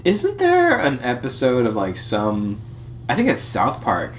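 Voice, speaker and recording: Young man, podcast co-host, casual chat, short sweary interjections, animated pitch, faint background noise. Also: measured pace. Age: 20s. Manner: brief reactions, swearing.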